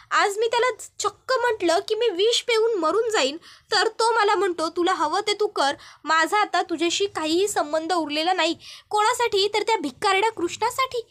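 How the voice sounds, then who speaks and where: A woman acting as a possessive young woman from a retold serial. She rants bitterly in a very high voice, spitting out insults at her rival. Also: moderate pace, fairly bright tone. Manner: bitter, ranting.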